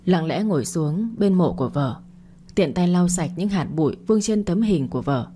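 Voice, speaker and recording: A woman narrating an audio story in a steady, dramatic storytelling manner. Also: lowish voice, moderate pace, husky. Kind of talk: scripted narration.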